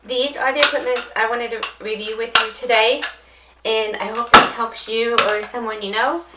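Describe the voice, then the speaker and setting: A woman's voice: a little high, moderate pace. A woman giving a casual how-to demonstration of dressing aids, chatting and thinking aloud as she goes. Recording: roomy echo, distant mic, faint noise.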